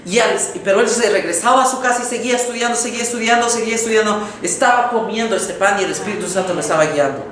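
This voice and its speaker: A man preaching a sermon, telling a story with dramatic swings between loud exclamations and hushed tones. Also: high-pitched, quick pace, hardly any pauses, recorded from a distance, crowd noise. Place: large echoey church hall. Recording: very echoey hall, faint noise.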